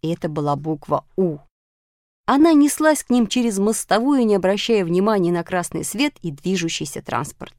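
A woman reading a children's audiobook aloud, telling it lively and giving each character a voice. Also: mid-range voice, brisk, few pauses, no room sound, studio quality. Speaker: narrator.

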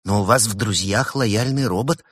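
A man's voice: lowish voice, moderate pace, fairly bright tone, breathy edge, dry recording, studio quality. A man voicing a curious, astonished young female cat in a storybook reading. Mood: questioning.

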